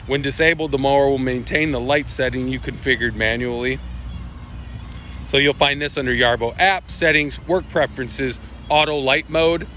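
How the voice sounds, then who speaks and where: The recording carries a little hiss or hum as a man presents product updates on a livestream. His mid-range voice is bright and forceful, with fairly even intonation and a moderate pace, and his casual talk rambles through fillers, restarts and asides.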